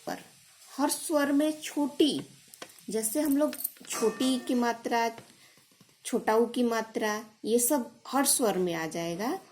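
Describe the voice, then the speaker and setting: A woman teacher giving a grammar lesson, explaining slowly and repeating definitions, sometimes correcting herself. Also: a little high, darkish tone, slight background noise. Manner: slow, deliberate explanation with repetition; corrects herself mid-sentence.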